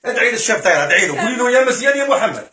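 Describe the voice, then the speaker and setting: Thanking donors and describing everything on screen, an excited vlogger speaks at a racing pace in a very high voice with an Algerian Arabic accent. The casual charity-visit video was recorded in an echoey room with slight noise.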